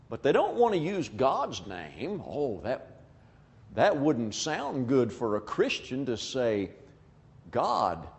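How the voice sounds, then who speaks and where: A man delivers a sermon at an unhurried pace, his pitch rising and falling widely as he acts out imagined exchanges. His voice sits a little higher than most men's. The sound carries a long, echoing hall reverb. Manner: animated, acts out imagined dialogues. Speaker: preacher.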